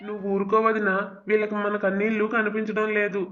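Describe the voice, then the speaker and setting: A man's voice: high voice, completely flat delivery, fast talker, highs cut off, noisy background, lightly acted. A man voicing Seenu, a young village man in a cartoon family drama, arguing and accusing in a heated way. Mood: angry.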